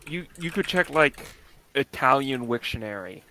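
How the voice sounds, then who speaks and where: A man's voice: mid-range voice, expressive, moderate pace, pushed and bright, a little hiss or hum, poor audio. A man co-hosting a casual stream, stammering and restarting his words. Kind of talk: casual livestream chat.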